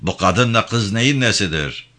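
A man's voice: fairly low pitch, expressive, normal speed, pushed and bright. A man voicing a harsh, short-tempered gendarme sergeant who barks, curses and talks down to people. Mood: barking angry. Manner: barking, cursing, contemptuous.

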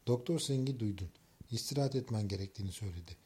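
A man's voice: fairly low pitch, rapid-fire, mellow, lightly acted. A man voicing a stern, protective young husband who gives firm, clipped commands in an audiobook.

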